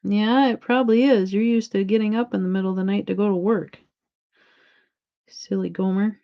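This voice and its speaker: A woman's voice: medium pitch, steady tone, fast talker. A woman chatting casually to her viewers while she paints at home, rambling from one thought to the next. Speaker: saw painter streaming her work. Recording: dull lo-fi sound.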